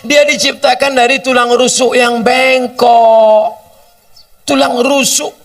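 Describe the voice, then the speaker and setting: A man's voice: extremely high pitch, steady tone, takes it slowly, recorded from a distance. A man preaching a humorous sermon, often acting out short dialogues between people. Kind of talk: sermon with question and answer.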